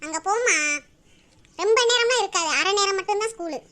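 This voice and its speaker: A woman's voice: extremely high pitch, brisk, pushed and bright, a little hiss or hum. A woman playing a young mother, coaxing and scolding her child.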